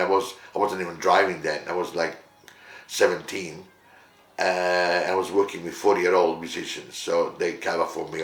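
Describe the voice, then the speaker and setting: An older man from Italy telling the story of his music career in an interview, rambling and halting with many fillers. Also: low voice, a bit bright, reverberant. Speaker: musician guest.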